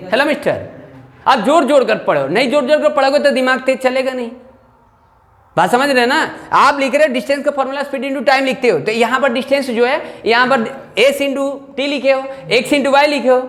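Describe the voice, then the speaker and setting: A man teaches a maths class in an extremely high-pitched, fairly bright voice, questioning his students and checking again and again that they follow. The classroom lecture has a long reverb.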